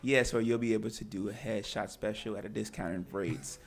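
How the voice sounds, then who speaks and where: A man's voice: on the low side, fairly even intonation, normal speed. A man co-hosting a podcast in casual chat, talking in an earnest, encouraging way. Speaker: podcast co-host.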